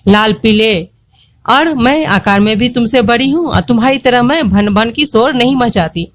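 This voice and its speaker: A woman's voice: on the high side, moderate pace, close to an everyday voice. A woman voicing a proud young female butterfly in a storybook tale, scolding and boasting about her wings. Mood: boastful.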